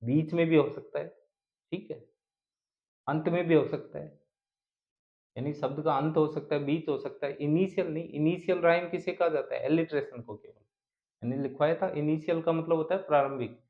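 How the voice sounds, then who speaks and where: A man's voice: on the high side, steady tone, moderate pace, creaky. A male teacher giving an exam prep lecture, who keeps asking questions and answering them himself and mixes English terms into his explanations. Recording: echoey room, dull lo-fi sound.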